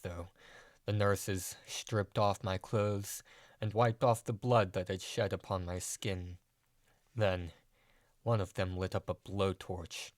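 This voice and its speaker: A man narrating a dark first-person audio story in a measured, deadpan way. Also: fairly low pitch, dry recording, studio quality.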